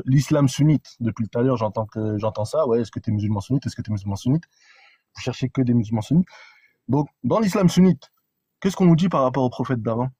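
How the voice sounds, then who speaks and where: A male caller in a live debate with a husky, mellow voice that sounds dry and close. He lectures insistently, circling back to the same points again and again. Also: mid-range voice, no echo. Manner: insistent, lecturing, repeats himself.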